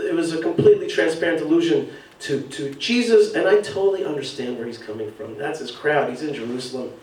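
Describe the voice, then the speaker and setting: A man's voice: on the high side, darkish tone, echoey room, distant mic, rough recording. A man giving an emphatic public speech from a podium at an evening event, repeating and building his phrases. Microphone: podium mic.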